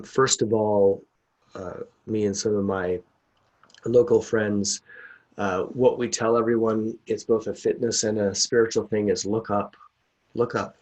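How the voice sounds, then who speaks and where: A man's voice: lowish voice, a little mellow. A man, a guest executive coach, chatting casually over a video call from his home, rambling and laughing often.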